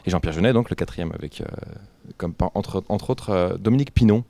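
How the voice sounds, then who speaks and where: A man's voice: sits low, a little fast, vocal fry, mellow. A man with a French accent from France, presenting in a casual, chatty style. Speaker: quiz presenter on a show. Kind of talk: casual chat.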